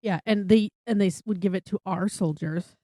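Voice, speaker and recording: Woman co-host, casual swearing chat, mellow warm voice, dry close sound. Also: medium pitch, moderate pace, no room sound. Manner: casual, swears freely, lots of "like". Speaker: podcast co-host.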